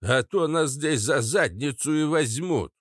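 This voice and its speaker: A man voicing a fussy, chatty older man with a creaky, excitable voice. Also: on the high side, unhurried, no echo, studio quality, pitched above the performer's own voice. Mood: excited. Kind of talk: audiobook character voice.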